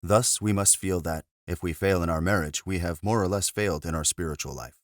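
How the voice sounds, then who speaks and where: A man, a monk, reading a spiritual book aloud in a measured, earnest way after a brief casual intro. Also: sits low, no room sound, studio quality.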